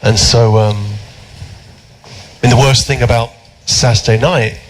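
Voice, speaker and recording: A British man, a philosopher as guest at a public talk, speaking in an animated, chatty storytelling way with many fillers and restarts. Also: mid-range voice, measured pace, slight background noise, low-quality recording. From Britain.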